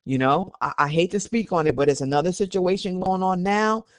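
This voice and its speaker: An American-accented podcast host delivers opinionated, conversational commentary, emphatic and admonishing, repeating phrases for stress. His voice sits high and brisk with a clean tone, recorded in studio quality without room sound.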